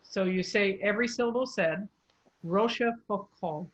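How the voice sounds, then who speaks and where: A woman voice coach who patiently explains pronunciation and spells out letters slowly. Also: medium pitch, a bit bright, lo-fi sound.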